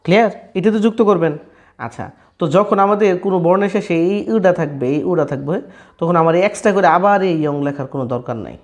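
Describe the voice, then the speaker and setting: A man teaching a casual spoken lesson, repeating and rephrasing each step and often asking his listeners whether it is clear. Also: high-pitched, fast talker. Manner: checks in often with "clear, brother?". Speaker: language teacher.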